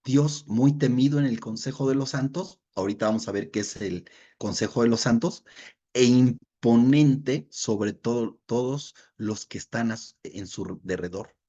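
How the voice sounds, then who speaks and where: A man teaching a Bible study, reading verses aloud and explaining them, who often checks in with his listeners and fills pauses with short murmurs. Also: medium pitch, mellow, muffled recording.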